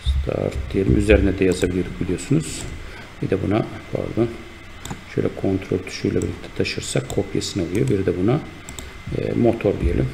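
A man with a low, gravelly voice walks through a screen-recorded software tutorial step by step. He speaks in an unhurried way, pausing on fillers and correcting himself as he clicks along. A faint hiss sits under his voice. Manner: unhurried, explanatory, with frequent fillers and self-corrections. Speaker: instructor.

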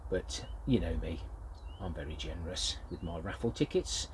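Speaking at a normal pace, an older British man with a low, slightly mellow voice and lively intonation reviews a product casually and without a script. He's a grandfather-aged gardening vlogger who rambles hesitantly, and there's slight background noise.

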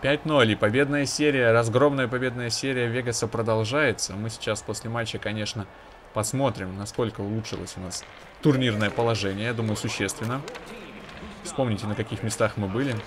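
A man's voice: on the low side, fairly even intonation, brisk, noisy background. A man giving casual, conversational commentary on his own hockey video game, with analytical asides to viewers.

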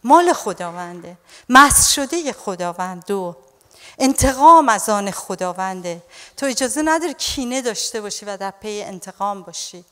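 A woman pastor preaching a sermon in an animated way, often calling her listeners dear ones. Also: medium pitch, big-room sound.

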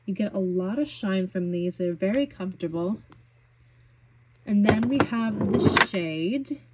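A young woman vlogging about beauty products in a casual, gushing, chatty way, full of fillers and excitement. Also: medium pitch, a little slow, very noisy. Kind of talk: casual product swatching chat.

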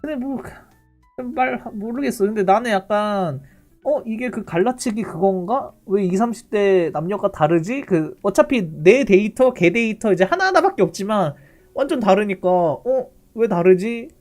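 A man's voice: sits high, lively intonation, normal speed, darkish tone. A man in his twenties chatting casually on a live stream, rambling and hesitant and laughing often, with faint music behind him.

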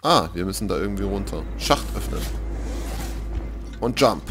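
Lively, low-voiced game commentator. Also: male voice, normal speed. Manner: excitable, jokey, drops to whispers in tense moments. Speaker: let's play commentator. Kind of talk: gaming commentary. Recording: gameplay music playing behind.

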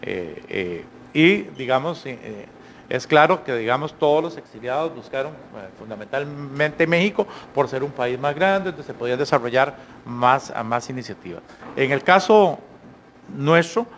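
A middle-aged man speaking on an academic panel into a handheld mic in a conference hall, measured and hesitant, often checking with the audience. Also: mid-range voice, expressive, a bit bright, slight background noise. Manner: measured, frequent hesitations, rhetorical tag questions.

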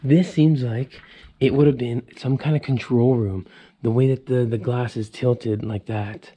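A man in his thirties, an urban explorer, films a casual handheld vlog while walking through an abandoned, fire-damaged house, musing aloud to his viewers. His medium-pitched voice is mellow and slightly rough, with fairly even intonation and a slightly slow delivery, picked up by his handheld camera indoors.

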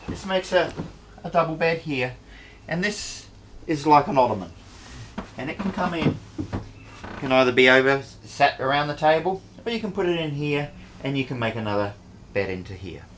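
A middle-aged man giving a relaxed walkthrough of a catamaran's cabin and cockpit, plain-spoken with hesitant fillers. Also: on the high side, normal speed, pauses often, slight background noise. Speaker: boat charter owner giving a tour. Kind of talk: casual walkthrough tour.

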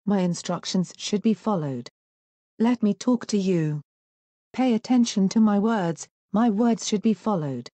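A woman's voice: mid-range voice, expressive, unhurried, dark tone, no echo. A woman voicing a proud young warrior king from a storybook, who laments and gives stern instructions. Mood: instructing. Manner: lamenting, then commanding. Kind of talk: storybook reading.

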